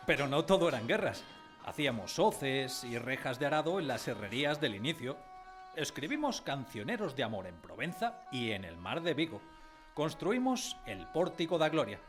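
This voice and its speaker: In expressive, scripted radio drama storytelling, a man with a fairly high voice plays a narrator fondly looking back on his schooldays in a village.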